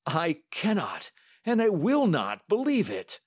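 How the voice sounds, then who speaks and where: A man's voice: on the high side, lively intonation, a little slow. A man reading a story aloud and voicing an older banker, distraught and pleading, in a raised, strained voice. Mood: desperate. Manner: pleading and overwrought. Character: distraught older male banker, grief-stricken, excitable.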